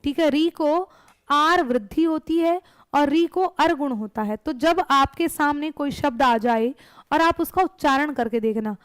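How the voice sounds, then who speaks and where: A woman's voice: high-pitched, a little slow, no room sound. A woman teaching a grammar lesson for exam preparation, explaining step by step and answering her own questions.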